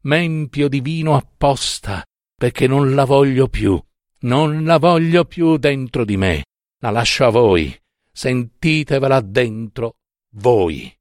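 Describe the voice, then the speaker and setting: A man voicing a drunk, weeping older male professor who pleads in a high, strained voice. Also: slow pace, dry recording, studio quality, natural voice. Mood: desperate pleading. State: drunk, crying.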